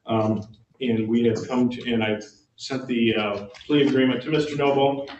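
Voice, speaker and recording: A male attorney speaks haltingly in court, pausing on fillers. He is picked up from a distance in an echoey room, with faint background noise. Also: mid-range voice, fairly even intonation, darkish tone, highs cut off. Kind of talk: courtroom statement.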